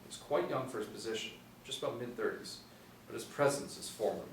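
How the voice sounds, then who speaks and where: A middle-aged man with a mid-range voice talks fast as he narrates stage directions during a seated table read of a screenplay. The small indoor room comes across through a roomy, distant mic, with faint background noise.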